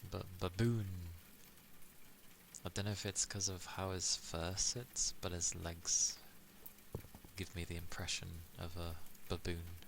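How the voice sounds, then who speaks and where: Very low, slow soft-spoken man. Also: level tone. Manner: soft, rambling, slow-paced musing. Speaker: streamer. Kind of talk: soft-spoken ASMR chat. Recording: clear background noise.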